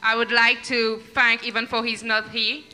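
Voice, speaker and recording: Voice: mid-range voice, level tone, measured pace, bright, forceful tone, faint music behind. A church interpreter translating a sermon phrase by phrase, with occasional slips and restarts.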